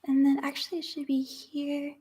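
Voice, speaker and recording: A woman's voice: high voice, completely flat delivery, moderate pace, dark tone. A young woman chatting casually while making crafts, rambling with lots of fillers and sometimes dropping to a whisper.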